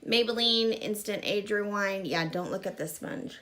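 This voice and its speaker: With soft music in the background, a makeup vlogger in her mid-thirties walks through a tutorial casually, poking fun at herself along the way. Her voice is mid-range, moderately paced and a bit bright, filmed by a fixed camera at arm's length in a small room with a gray curtain behind her.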